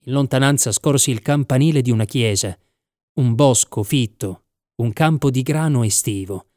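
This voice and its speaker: A man reading a first-person story as an audiobook narrator, measured and reflective. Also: mid-range voice, darkish tone, no echo, clean studio sound.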